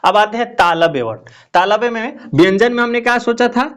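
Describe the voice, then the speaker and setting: A man's voice: very high voice, animated, brisk, fairly bright tone. A male teacher giving a classroom lesson, often asking questions and repeating the answers.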